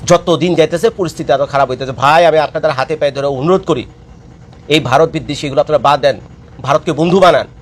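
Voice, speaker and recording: A man's voice: fairly high pitch, very fast. A man, delivering an impassioned political monologue, lecturing and scolding his listeners and repeating his points. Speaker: political commentator. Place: living abroad.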